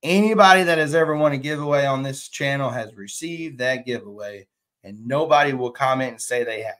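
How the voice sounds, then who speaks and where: A chatty Texan in his thirties with a drawl hosts a casual fishing live stream, speaking a little fast in a medium, slightly bright voice. He reads viewer comments aloud and answers them, recorded on a desk webcam in a plain indoor room.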